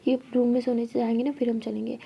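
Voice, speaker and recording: A woman voicing an affectionate young woman who speaks gently and coaxingly. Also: a little high, little pitch movement, fast, creaky, dull audio, noisy background. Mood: soothing.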